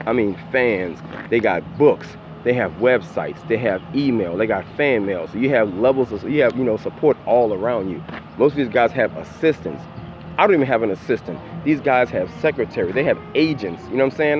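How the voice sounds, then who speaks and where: A slangy, cursing man talks his opinions into a vlog while out on a morning walk, short of breath. The recording is slightly dull and muffled. Faint urban traffic hums behind him. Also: mid-range voice. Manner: rambling, profane, slangy street talk. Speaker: YouTube opinion commentator.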